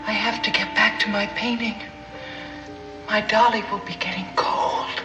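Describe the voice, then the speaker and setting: A woman's voice: mid-range voice, level tone, unhurried, pushed and bright, soft background music. An actress playing a dazed grown woman who talks dreamily like a small child. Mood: dreamy. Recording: echoey old TV soundtrack with score.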